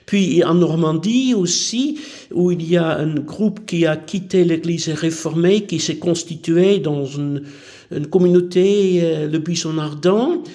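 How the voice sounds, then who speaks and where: Retired man, high voice. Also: dark tone. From Netherlands. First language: Dutch. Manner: measured, with frequent hesitations and restarts. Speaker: author. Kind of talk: book presentation.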